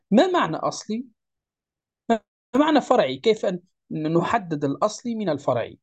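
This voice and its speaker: A recitation teacher explaining a lesson, who chants verses slowly, repeats points and checks that the listener understands. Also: mid-range voice, darkish tone, slightly rough. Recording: dull lo-fi recording.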